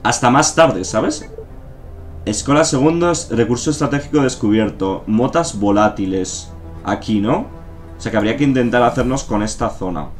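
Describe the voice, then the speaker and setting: At normal speed and medium pitch, a man with a Spain Spanish accent streams gameplay with relaxed commentary. He jokes, swears and thinks aloud with plenty of fillers, and faint game music can be heard behind him.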